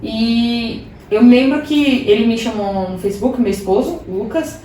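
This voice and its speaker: A young adult woman shares a personal story as a podcast guest, chatty and self-mocking, often breaking into laughter. Her voice sits a little high. The mic picks her up from a distance in a strongly echoing room with a faint hiss. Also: unhurried, dark tone. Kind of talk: casual testimony storytelling.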